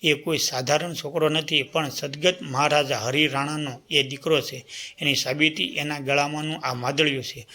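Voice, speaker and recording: A man voicing a loyal herder and foster father in a folk tale who speaks in a measured, earnest way. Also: on the high side, fairly even intonation, pushed and bright.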